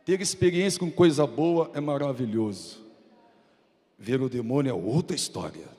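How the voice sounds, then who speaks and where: A man's voice: medium pitch, moderate pace, dark tone. A man with a Brazilian Portuguese accent preaching a fervent, dramatic sermon as a pastor in a church. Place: church sanctuary. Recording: reverberant church hall.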